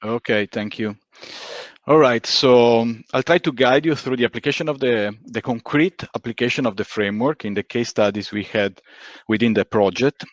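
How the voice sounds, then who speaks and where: A man's voice: mid-range voice, normal speed, no echo. A man giving a methodical, explanatory conference presentation, heard through a recorded online meeting on a video call. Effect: voice captured in a recorded online meeting. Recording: dull lo-fi online call audio.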